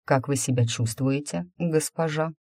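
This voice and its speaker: A woman voicing a calm, smooth-talking male mage who stays unruffled and speaks in an ingratiating way, in a story read aloud. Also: low voice, dry recording, studio quality. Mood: composed. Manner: unhurried, imperturbable, ingratiating.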